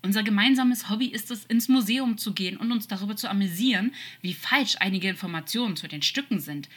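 A woman's voice: deep voice, monotone, moderate pace, bright, forceful tone, husky, full character voice. A woman voicing a hurt, sarcastic male demon who hisses, pleads and jokes through his worry, in an audiobook fan-fiction reading. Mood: pleading. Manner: hissing, pleading, forced joking.

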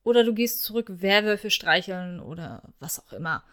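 A woman's voice: medium pitch, animated, moderate pace, pushed and bright. A woman voicing a sarcastic young wizard man with a scratchy throat, speaking in a theatrical, mocking drawl.

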